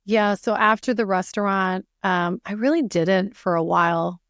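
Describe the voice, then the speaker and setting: A woman's voice: medium pitch, normal speed, a bit bright, no echo, clean studio sound. A woman telling a personal story as a podcast guest, earnest and full of "you know" fillers.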